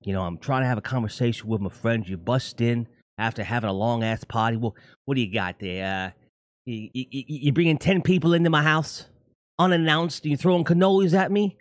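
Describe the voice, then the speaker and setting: A man doing a brash, swearing New York Italian guy with a thick put-on New York accent. He rants in an exasperated, mid-pitched voice, loud and pushy. The sound is close and dry, with no room around it. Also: a little fast, dry recording, natural voice.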